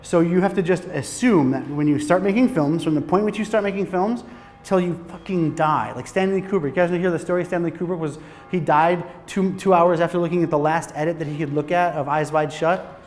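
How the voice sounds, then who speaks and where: A man's voice: on the high side, fairly quick, darkish tone, long reverb tail, faint music behind. A man from Michigan with an American accent, giving a casual, joking talk on filmmaking to a live audience. He speaks animatedly, swears freely and often restarts his sentences. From Michigan, USA. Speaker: film director giving a talk. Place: hot lecture room with an audience.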